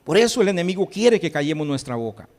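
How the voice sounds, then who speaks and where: A man preaching a sermon as pastor, impassioned, swinging between loud proclamation and hushed intensity. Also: a little high, sing-song, fast, big-room sound. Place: church sanctuary.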